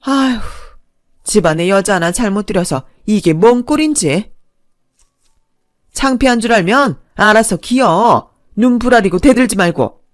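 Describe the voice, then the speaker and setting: A woman voicing a scornful older mother-in-law who nags her daughter-in-law with sharp contempt. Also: fairly high pitch, lively intonation, normal speed, dry recording, clean studio sound, pitched above the performer's own voice, lightly acted.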